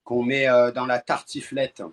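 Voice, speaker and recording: A man from France hosting a live stream, chatting casually with callers and cracking deadpan jokes. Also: medium pitch, a little slow.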